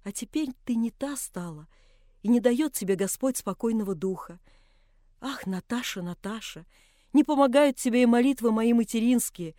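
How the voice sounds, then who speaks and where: A grieving old mother laments over her daughter in a sorrowful voice, as a woman narrator reads her in an audiobook. The tone is mellow and fairly high, with a close, dry sound. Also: lively intonation, normal speed, no echo, natural voice.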